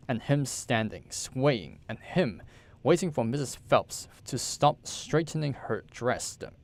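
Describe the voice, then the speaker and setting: A man reading a novel aloud on a live stream, halting often to restart and correct himself. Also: medium pitch, a little mellow. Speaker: live-stream book reader.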